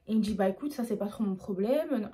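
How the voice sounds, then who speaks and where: A young woman from France tells a story from her own life in a rapid, casual vlog manner. She talks in slang and jumps into other people's lines as she tells it. Her voice sits at a middle pitch and races along. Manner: fast, slangy, animated retelling. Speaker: YouTuber.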